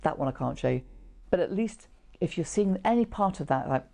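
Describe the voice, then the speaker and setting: A middle-aged woman teaches in an informal, conversational style. Her voice sits low and has a mellow tone with plenty of creak. She explains each point plainly, as if chatting to a small class. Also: expressive, brisk. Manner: explanatory, conversational, with short illustrative asides. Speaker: trainer teaching how to read facial expressions. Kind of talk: informal instructional presentation to camera. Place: small indoor room, seated.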